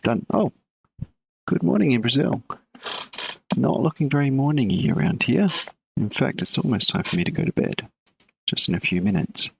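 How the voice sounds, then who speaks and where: In a rough recording with slight background noise, a game developer with a mid-range, gravelly voice codes live on stream at normal speed, pausing often. He's relaxed, muttering and thinking aloud as he works, and chats casually with viewers between code.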